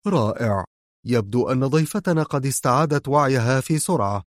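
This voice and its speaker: A man voicing a calm, smug male villain who mocks his captive quietly and without hurry. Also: medium pitch, no echo, clean studio sound, natural voice. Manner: quiet, mocking and unhurried.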